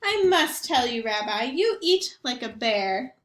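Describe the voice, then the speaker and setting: A woman's voice: on the high side, big pitch swings, measured pace, roomy sound. Woman playing a fussing, kindly old grandmother. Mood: fond. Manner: fond, fussing and sing-song. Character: kindly old woman, half blind and half deaf, chatty.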